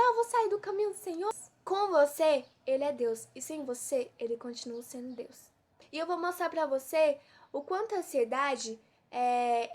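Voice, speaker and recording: A woman from giving an informal devotional sermon, always throwing rhetorical questions at her listeners. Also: sits high. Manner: preachy, full of rhetorical questions. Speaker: preacher.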